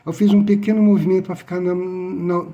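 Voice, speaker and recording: A man telling his personal testimony, halting and repeating his phrases. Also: high voice, flat delivery, mellow, muffled recording. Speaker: near-death experience witness.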